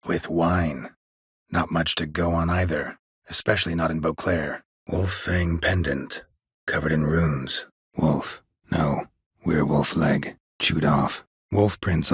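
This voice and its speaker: In a dry, close recording, a gruff fantasy video game monster hunter talks in an exaggerated, deep voice that's extremely husky and gravelly. World-weary and deadpan, he keeps every line terse and clipped.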